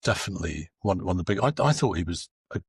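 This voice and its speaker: A man's voice: low voice, lively intonation, fast talker, slightly rough, no echo, studio quality. A man on a football podcast panel, wry and hesitant, restarting his sentences. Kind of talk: casual football chat.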